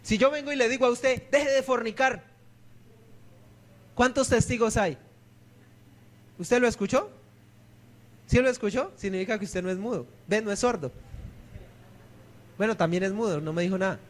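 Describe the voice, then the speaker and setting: High-voiced man preaching a sermon. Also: normal speed, long pauses. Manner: asks the congregation questions and answers them himself. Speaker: pastor. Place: church.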